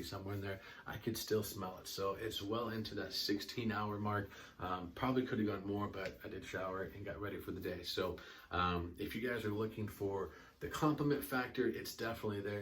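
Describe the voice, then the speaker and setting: A man's voice: fairly low pitch, a bit bright, recorded from a distance. A young man chatting casually and enthusiastically while reviewing a fragrance, with lots of ums and restarts.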